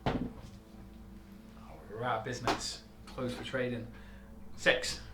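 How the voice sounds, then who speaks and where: A man's voice: mid-range voice, level tone. A man playing a tabletop game, joking around in casual chat. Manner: joking, quick. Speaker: player. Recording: echoey room with loud noise.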